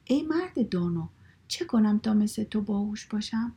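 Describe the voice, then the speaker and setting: A woman voicing a small, clever, cheeky male rabbit in a children's story, pleading and singing flattery. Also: mid-range voice, breathy edge. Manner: pleading, then sings flattery to a drum.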